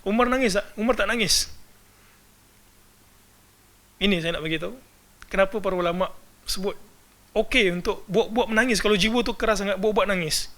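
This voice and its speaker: Man, Malaysian Malay accent, religious lecture, bright forceful voice, rhetorical questions. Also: sits high, a little fast, pauses often. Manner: asks the audience rhetorical questions. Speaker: religious teacher.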